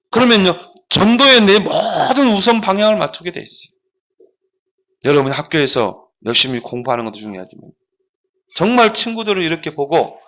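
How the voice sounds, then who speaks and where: A man preaching a children's sermon, animated and asking the children rhetorical questions. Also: on the high side. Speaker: pastor.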